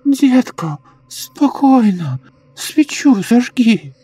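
A man voicing a sly, sinister old woman who speaks in a slow, eerily calm coo in a horror audiobook. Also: high-pitched, slightly rough, pitched above the performer's own voice, full character voice. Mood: soothing. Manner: slow cooing, sinister giggles.

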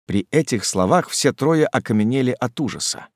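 A man narrating an audiobook in an expressive storytelling manner. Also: medium pitch, moderate pace, dry recording, studio quality. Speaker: audiobook reader. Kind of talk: scripted narration.

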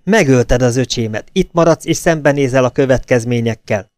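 A man's voice: a little mellow, dry recording, clean studio sound, natural voice. A man voicing a frantic, furious woman who screeches and pants in an audiobook reading. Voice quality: shrill, screeching. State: panting. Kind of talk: audiobook character voice.

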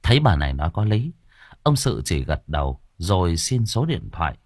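A male storyteller reads an audio novel with lively, expressive intonation. His voice is low and husky, recorded dry and close. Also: moderate pace, no echo. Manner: expressive, acts out characters. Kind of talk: audiobook narration.

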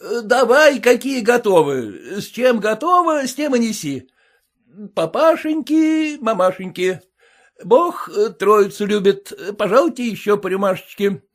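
A man's voice: sits high, animated. A man voicing a middle-aged host at a pancake feast who fusses and coaxes his guests into another drink. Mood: coaxing. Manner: fussy, coaxing, hurried. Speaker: reader. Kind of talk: reading a classic comic story.

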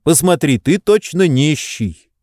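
A man voicing an energetic, warm-hearted male friend in a storybook reading, speaking earnestly and persuasively. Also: a little high, measured pace, no room sound, clean studio sound, pitched above the performer's own voice. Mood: moved.

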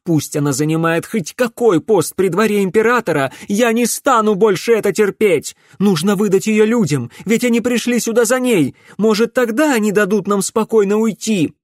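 A man voicing a distraught noblewoman and mother who shouts in shrill defiance. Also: normal speed, few pauses, no echo, clean studio sound, close to an everyday voice. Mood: indignant.

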